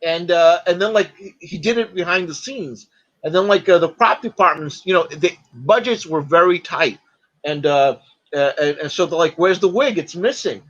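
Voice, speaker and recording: A man chatting as a podcast guest, retelling stories in a halting way, full of fillers and restarts. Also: fairly high pitch, fairly bright tone, muffled recording. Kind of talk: casual podcast chat.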